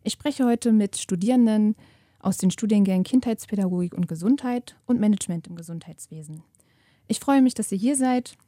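A woman with a very dark, mellow voice hosts a university podcast and moderates it in a friendly, encouraging way. The recording is dry and close. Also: mid-range voice, brisk, dry recording. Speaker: podcast host.

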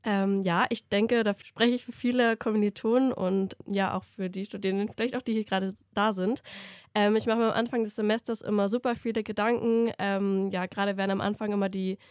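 A woman's voice: mid-range voice, fairly even intonation, brisk, a little mellow, smooth, no room sound, clean studio sound. Young woman, reassuring student voice. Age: 20s. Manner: reassuring, reflective. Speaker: student guest. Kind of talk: podcast chat.

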